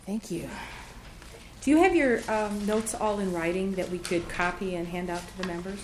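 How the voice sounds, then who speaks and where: A woman chairing a committee meeting in a brisk, procedural and polite manner. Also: mid-range voice. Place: hearing room. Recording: roomy echo with clear background noise.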